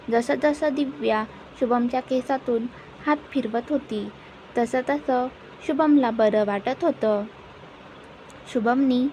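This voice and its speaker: A woman narrating a story, reading slowly and evenly. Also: fairly high pitch, darkish tone, a little hiss or hum, poor audio.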